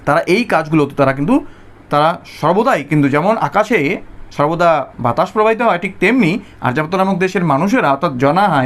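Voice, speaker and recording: বাংলা টানের এক পুরুষ শিক্ষক, ক্লাস-লেকচারের ঢঙে ধৈর্য ধরে বোঝাচ্ছেন, শব্দ ভেঙে ভেঙে ধীরে বারবার বলছেন।. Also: male voice, sits high. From Bengal, India. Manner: patient, repeats and breaks words apart slowly. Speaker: Sanskrit teacher. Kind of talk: explanatory class lecture.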